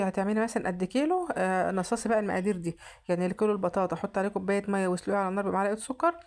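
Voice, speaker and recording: Fast-talking Egyptian woman vlogger. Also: medium pitch, a little mellow. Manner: chatty, repeats and restarts often. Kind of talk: casual cooking narration.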